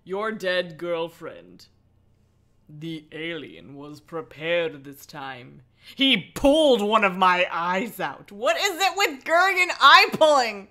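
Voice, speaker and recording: Her voice sits on the low side, expressive and sharp-toned, moving slowly. As a livestream host, she reads a book aloud with mocking drama, mixing in irreverent, chatty asides and swearing.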